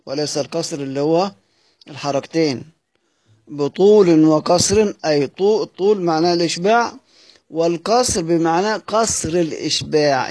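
A man teaching a live online lesson on Quran recitation. He explains step by step, asks questions and answers them himself, and chants verse lines slowly. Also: a little high, a little mellow.

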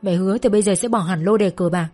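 In a spoken story, a woman plays a desperate mother in debt who tearfully begs her daughter for help, her mood pleading. Her voice is medium-pitched, fast and dark, close to an everyday voice, with soft background music.

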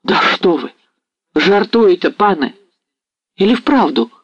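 A man voicing an excitable young cossack. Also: a little high, measured pace, dry recording, muffled recording, heavily acted. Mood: overjoyed. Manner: eager, breathless with joy.

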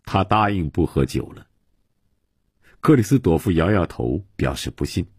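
A man narrating a novel for radio with measured, dramatic storytelling. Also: low-pitched, expressive, slightly rough, no echo, clean studio sound.

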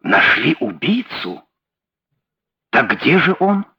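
A man voicing an agitated middle-aged colonel who exclaims in excitement, in an audiobook reading. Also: fairly high pitch, slow pace, slightly rough, dull audio, full character voice. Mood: astonished.

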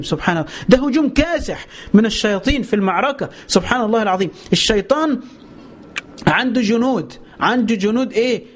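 Egyptian male preacher, high-pitched, rapid delivery, repetitive and rhetorical. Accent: Egyptian Arabic. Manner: repetitive, rhetorical questions, frequent pious interjections. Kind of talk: religious lesson.

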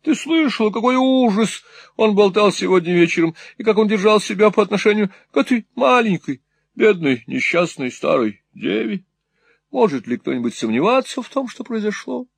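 A man's voice: high voice, sing-song, moderate pace, gravelly, husky, no room sound, pitched above the performer's own voice, heavily acted. A man voicing a fussy, long-winded middle-aged mother who rambles in a prim, flustered way. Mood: fretful. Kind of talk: audiobook character voice.

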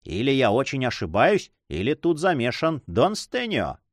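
A shrewd, loyal old-world majordomo, read by a man, deferential and reassuring. His voice is lively in pitch, and the sound is dry and close. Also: moderate pace, dry recording.

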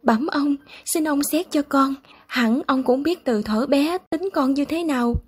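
A woman's voice: sits high, a little slow, a little mellow, faint music behind, voice pushed up. A woman voicing a pleading tearful young man. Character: anxious young male student, pleading and tearful.

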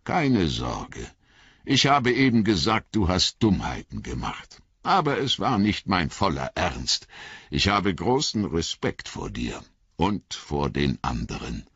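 In a storybook reading, a man voices an old wizard who is grave yet kindly, using a deep, husky, unhurried voice with big, wide pitch swings. The performance is heavily acted, and the dry recording sounds a little dull and lo-fi.

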